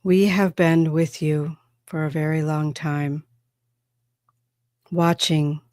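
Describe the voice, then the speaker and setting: A calm extraterrestrial envoy, as a woman channels it in a trance, speaks in a measured, solemn and formal way. The voice sits low for a woman. It is recorded dry and close, with no room sound. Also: dry recording. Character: calm extraterrestrial spokesperson from Andromeda.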